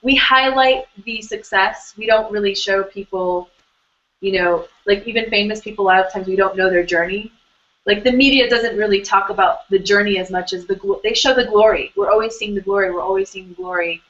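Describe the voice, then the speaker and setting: A woman's voice: mid-range voice, steady tone, a little fast, a bit bright. A woman hosts an online hangout in an easy, conversational way, circling back through fillers and restarts as she talks. Her voice sits in a middle range. The sound is dull and lo-fi, like audio from a web call. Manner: chatty, rambling with many fillers and restarts. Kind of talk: casual conversational interview.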